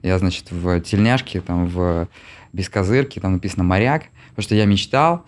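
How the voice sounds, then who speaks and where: Man in his forties, low voice, reflective, hesitant, filler sounds, interview guest. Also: fairly quick. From Russia. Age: 40s. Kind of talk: casual conversation.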